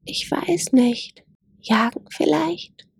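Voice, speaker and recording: A woman's voice: sits high, fairly even intonation, takes it slowly, creaky, darkish tone, no echo, clean studio sound, pitched above the performer's own voice, heavily acted. A woman voicing a wary young female gazelle in a storybook, asking hesitant, cautious questions in a raised voice. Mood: timid.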